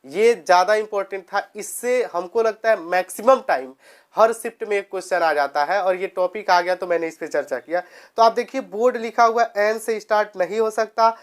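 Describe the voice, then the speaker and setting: A man teaching a grammar lesson for exam preparation. He asks rhetorical questions and answers them himself, and he reads example sentences slowly. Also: sits high, smooth.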